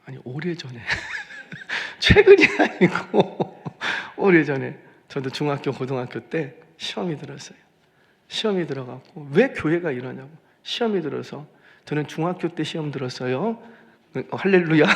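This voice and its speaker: A man preaching a sermon as senior pastor, animated and repeating phrases for emphasis, in a church sanctuary. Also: fairly high pitch, a little fast, gravelly, long reverb tail.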